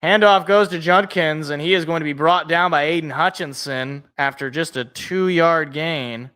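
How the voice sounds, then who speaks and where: A man in his twenties hosts a live football reaction stream. He calls plays and jokes with his chat in a bright, forceful voice that sits slightly high. His humor is self-deprecating. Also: moderate pace, clean tone. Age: 20s. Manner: joking, self-deprecating, chatting with viewers. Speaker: sports podcast co-host. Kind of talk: live game reaction and play-by-play.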